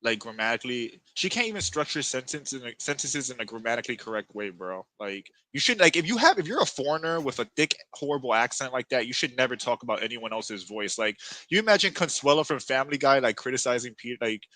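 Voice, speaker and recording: A man's voice: mid-range voice, sing-song, sharp tone, dry recording. A man co-hosting a podcast in casual chat, blunt and talkative, saying "bro" and "like" constantly. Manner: blunt, fast-talking, peppered with "bro" and "like". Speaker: podcast co-host.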